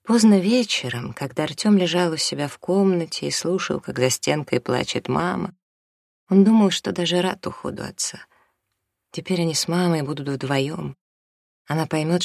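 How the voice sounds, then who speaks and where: Gravelly, dry audiobook narrator. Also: mid-range voice, a little mellow, dry recording.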